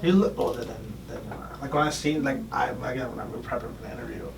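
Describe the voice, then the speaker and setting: A man's voice: medium pitch, fast talker, gravelly, a crowd in the background. A young man hosting a podcast, asking questions in easygoing, slangy chat. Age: young adult. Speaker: podcast host. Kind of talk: casual interview chat. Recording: distant mic with faint room noise.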